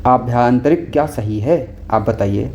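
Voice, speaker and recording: A man's voice: mid-range voice, measured pace, a little mellow. A man tutoring for an exam, walking through answers one by one and checking in often with the class. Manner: patient, repeats with frequent "okay?" checks. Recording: dull lo-fi recording with faint noise.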